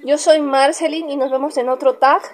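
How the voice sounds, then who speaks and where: A woman's voice: high-pitched, steady tone, normal speed. A young woman with a Mexican Spanish accent, casually chatting in a pet vlog and cooing at her dog. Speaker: vlogger.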